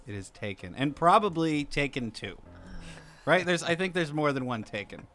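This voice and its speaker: A man's voice: on the high side, sing-song, moderate pace, a bit bright, faint music behind. A man co-hosting a casual comedy podcast, reading trivia questions with a dry, joking manner. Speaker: podcast co-host and quizmaster.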